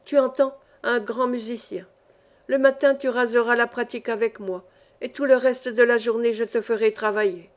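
A talkative, lively barber who boasts of his own teaching and heaps praise on a young musician, read by a woman in her own slightly high voice. The storybook figure sounds pleased with himself and eager. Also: moderate pace, natural voice. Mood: enthusiastic. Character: chatty grown man, a small-town barber and music teacher.

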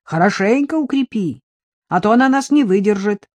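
A woman reading the part of a grown man, a gruff and exasperated father who is quick to scold. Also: lowish voice, lively intonation, dark tone, dry recording.

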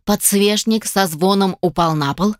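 A woman reads a first-person fantasy novel aloud with an expressive, lively delivery at a mid pitch. Her voice is close and dry with no room around it. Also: a little slow, no echo. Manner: expressive, lively, voicing many characters. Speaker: audiobook narrator. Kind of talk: first-person audiobook narration.

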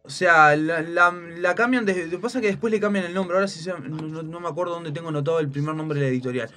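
A man's voice: fairly high pitch, fast, sharp tone, soft background music. A man co-hosting a radio show, chatting loosely about comics with many restarts. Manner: rambling, many restarts and fillers.

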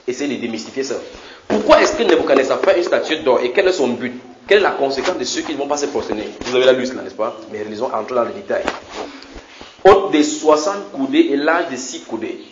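A man's voice: mid-range voice, reverberant, lo-fi sound, background noise. A man preaching a sermon in a church, teaching animatedly with frequent repetitions and questions to the congregation. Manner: animated, repeats words, asks the congregation questions.

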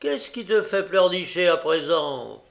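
Brief: male reader putting on a spiteful, sneering teenage bully, loud and taunting, unhurried delivery. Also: a little high, sing-song. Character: jeering spiteful teenage charity boy bully.

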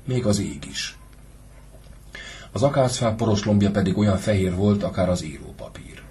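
A man narrating a classic short story for an audiobook, measured and even in delivery. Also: fairly low pitch. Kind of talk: scripted literary narration.

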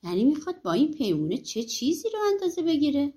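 A woman's voice: high-pitched, big pitch swings, warm tone. A woman voicing a greedy, brusque peasant. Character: greedy, hot-headed peasant man.

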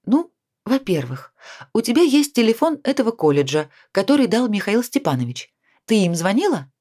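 A woman's voice: fairly high pitch, sing-song, moderate pace, warm tone, voice pushed up. A woman doing a stern, scolding adult friend. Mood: soothing. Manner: scolding, then coaxing.

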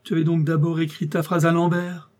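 A man voicing an excitable, impatient older male professor in an audiobook, with abrupt, exclamatory lines. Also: on the high side, normal speed, breathy edge. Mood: exalted. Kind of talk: audiobook character voice.

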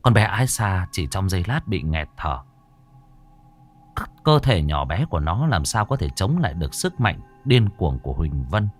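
A man narrating a horror story in a slow, expressive, dramatic manner. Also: low voice, soft background music.

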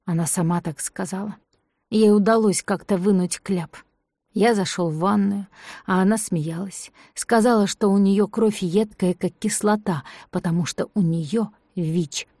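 A woman reading an audiobook voices a sick, manipulative man who speaks low, quiet and controlled. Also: steady tone, unhurried, dry recording, studio quality. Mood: soothing. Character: sick, manipulative male accomplice, calm and cold.

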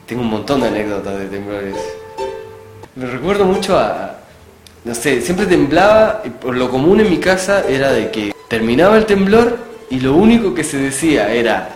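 A man with a Chilean accent hosting a casual radio chat, telling rambling anecdotes in a relaxed, chuckling way. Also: medium pitch, moderate pace. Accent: Chilean Spanish. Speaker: radio show host. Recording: echoey room with music behind.

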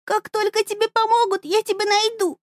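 A woman voicing a brave, protective teenage girl who speaks high and insistently, in an audiobook reading. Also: level tone, fairly quick, no echo, clean studio sound. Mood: urgent.

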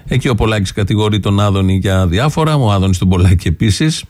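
A man's voice: lowish voice, a little mellow, dry recording. A man hosting a radio political commentary show, sarcastic, listing his points one by one. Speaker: radio host.

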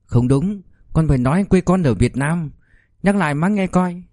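Torn young mother pleading with her husband, read by a male narrator, raised and mellow, dry audiobook sound. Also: fairly high pitch, expressive, normal speed, no room sound, voice pushed up, close to an everyday voice. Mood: tender. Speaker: mother, wife of an officer.

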